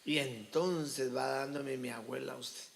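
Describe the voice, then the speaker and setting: A man's voice: medium pitch, fairly even intonation, measured pace, vocal fry, a little hiss or hum. A male pastor preaching a sermon, telling his story and calling listeners brother. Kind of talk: sermon testimony.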